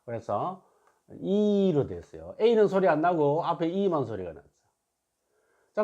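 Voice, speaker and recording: A man teaching English phonics in a slow classroom style, repeating each word and often asking his listeners to agree. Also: mid-range voice, mellow. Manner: repeats words slowly, asks "그죠?" for agreement. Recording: dull lo-fi recording.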